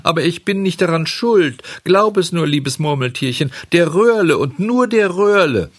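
A man's voice: a little high, animated, moderate pace, no room sound, clean studio sound, voice pushed up. A man doing a wailing wooden puppet boy. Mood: sobbing. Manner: whiny, sobbing pleas. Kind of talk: storybook reading.

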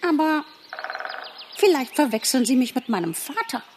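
A woman's voice: normal speed, slight background noise. A woman voicing a cheerful, talkative young squirrel in an audiobook, eager and polite. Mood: chatty. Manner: eager, talkative, high and lively. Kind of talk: audiobook character voice.

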